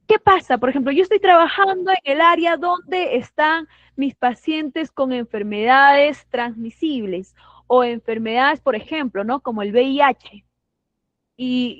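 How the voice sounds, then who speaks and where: A woman's voice: high-pitched, dry recording, dull audio. A woman with a Peruvian Spanish accent teaching an online nursing class, asking the students questions, praising their answers and acting out patients and staff. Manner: acts out patients and staff in quick put-on voices; asks the class questions and affirms their comments. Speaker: nursing instructor.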